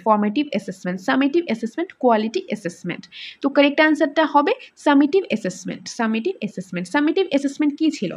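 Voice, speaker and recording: A woman teacher with a Bengali accent, reading exam questions slowly and then explaining each answer with questions to the class. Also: a little high. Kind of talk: exam-prep lesson going through multiple-choice questions. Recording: dull lo-fi sound.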